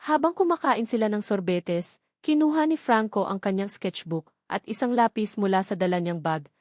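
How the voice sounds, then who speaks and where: Here a woman serves as narrator for a dramatic story read from a script. Lively in her inflection and moving at an ordinary pace, she has a mid-pitched, somewhat mellow voice, captured cleanly and dry in a studio.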